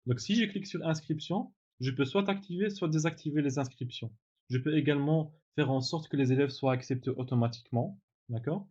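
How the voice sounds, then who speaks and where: A man teaching in a relaxed tutorial, demonstrating software step by step with frequent fillers and self-corrections. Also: on the high side, a little fast, slightly rough, dull audio. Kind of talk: screen-recorded tutorial.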